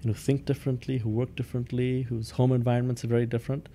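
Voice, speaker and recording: A man's voice: mid-range voice, flat delivery, fast talker, mellow, a little hiss or hum. A man from India, a company founder and CEO, answering interview questions in a thoughtful way, with many ums and restarts.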